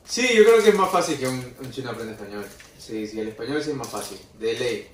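A man's voice: mid-range voice, animated, quick pace. A young man, a musician guest in a casual interview, explaining things patiently with examples. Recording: roomy, distant mic with faint noise.

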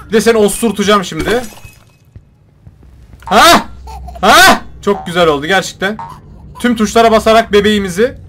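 High, bright-voiced excitable young gamer guy. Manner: excitable, shouts and jokes at game characters. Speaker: gaming YouTuber. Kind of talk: let's play commentary.

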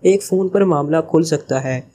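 A man's voice: a little high, moderate pace, mellow, slight background noise, close to an everyday voice. A man reading the part of a sly, joking male spy leader in a teasing, evasive way.

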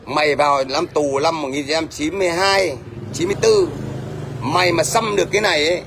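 Speaking briskly with a somewhat high voice and fairly even intonation, a middle-aged Northern Vietnamese man bluntly scolds a commenter on his livestream. He keeps throwing in "thấy chưa?" over faint background noise.

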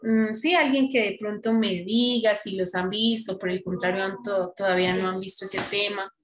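A woman's voice: medium pitch, steady tone, normal speed, echoey room, a little hiss or hum. A woman teaching a French class online, explaining patiently and often checking that students follow. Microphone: computer mic on video call.

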